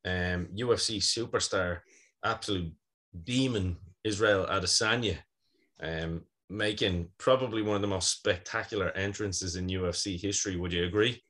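A man's voice: low-pitched, moderate pace, fairly bright tone. A man hosting a podcast in a casual, blokey, bantering chat style. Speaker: podcast host. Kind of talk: casual pro wrestling chat.

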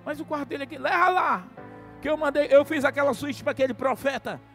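Man doing a desperate mother voice, very high and strained, frantic pleading, sermon retelling. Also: fast talker, vocal fry, a bit bright, soft background music, full character voice. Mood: commanding. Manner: frantic, pleading, rising to cries. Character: desperate rich mother, grieving woman.

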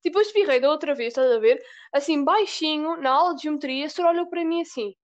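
Fast-talking teenage Portuguese girl. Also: high-pitched. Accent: European Portuguese. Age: teens. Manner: animated storytelling, mimics voices in quotes. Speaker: student. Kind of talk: casual chat.

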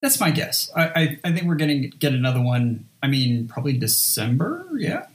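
A man's voice: medium pitch, big pitch swings, fairly quick. A man hosting a casual podcast, rambling a little, tripping over his words and joking at his own expense. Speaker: podcast host.

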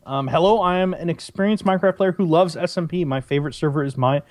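A man co-hosting a casual podcast, reading listener emails aloud in a halting way and often restarting his sentences. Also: a little high, no room sound, clean studio sound. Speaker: podcast co-host.

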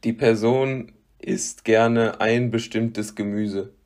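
Junger kerl mit eher tiefer stimme, stockt oft beim tipps geben. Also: male voice, on the low side, steady tone, slow pace, darkish tone. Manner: hesitant, searching for words. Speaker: quiz-giving player. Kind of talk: casual chat.

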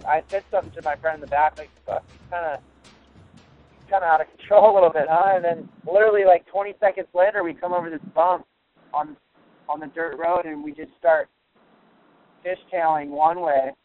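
A man's voice: fairly high pitch, fairly even intonation, a little fast, long pauses, soft background music. A man in his twenties from Virginia, casually telling a story over the phone, loose and rambling with lots of restarts. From Virginia, USA. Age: 20s. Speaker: guest surfer telling a story. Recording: tinny telephone line.

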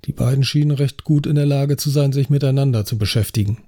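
A man reading a crime story as an audiobook narrator with a wry, even delivery. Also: mid-range voice, quick pace. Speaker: audiobook reader. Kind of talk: scripted narration.

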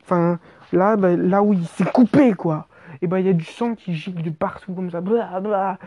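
A woman narrating an exaggerated comic story in an animated, slangy way, with swearing. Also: fairly low pitch, moderate pace, slightly rough.

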